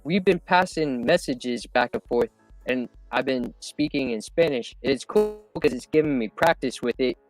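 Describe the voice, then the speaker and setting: A man chatting casually as a livestream guest, speaking in a halting, reflective way. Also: medium pitch, animated, faint music behind, low-quality recording. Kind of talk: casual chat.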